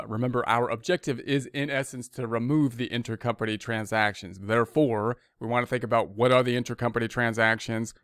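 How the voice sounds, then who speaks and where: An American accounting instructor delivers an informal explanatory lecture, speaking conversationally and often rephrasing what he's said. His medium-pitched voice is smooth, with clean studio sound and no room echo.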